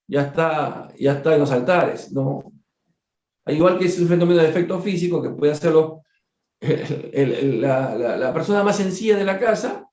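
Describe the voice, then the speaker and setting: Male study leader, animated and repetitive, slightly high voice, roomy lo-fi sound. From Peru. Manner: animated, repeats words, jokes and acts out dialogue. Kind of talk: study group talk. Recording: echoey room, dull lo-fi sound.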